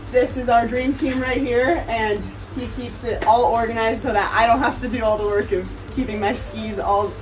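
A woman's voice: fairly high pitch, recorded from a distance. An upbeat young woman chats enthusiastically as she walks through a space, filming on a handheld phone. She sits a little away from the mic, and faint music plays underneath. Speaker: athlete giving a tour. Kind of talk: casual tour vlog. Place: ski service truck and apartment, indoors. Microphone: handheld phone camera.

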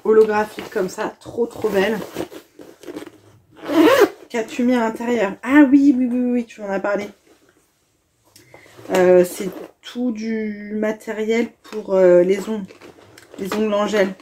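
A woman's voice: mid-range voice, fairly even intonation, slow, pauses often, mellow, a little hiss or hum. A young woman, gushing and chatting casually as she unboxes a gift box for her viewers.

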